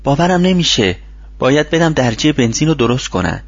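Male reader voicing eager polite young family man, raised husky voice, dull dry audiobook sound. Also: fairly high pitch, pitched above the performer's own voice. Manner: polite, excited replies.

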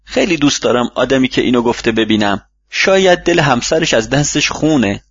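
A man's voice: mid-range voice, animated, a bit bright, breathy edge, no room sound. A man voicing a sheepish busy husband. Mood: earnest. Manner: earnest, slightly plaintive. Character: busy grown man seeking advice, sheepish. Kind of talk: audiobook reading. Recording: dull lo-fi recording.

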